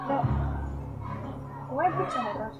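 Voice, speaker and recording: A woman's voice: sits high, lively intonation, a little slow. A Ghanaian woman in a comedy skit, talking in a whiny, pleading way and repeating herself. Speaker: comedy skit actor, playing a daughter. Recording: loud music playing behind.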